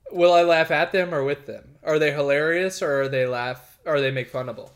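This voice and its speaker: Playful man with a loud laugh. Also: on the high side, a little fast. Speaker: podcast co-host. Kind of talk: casual podcast chat.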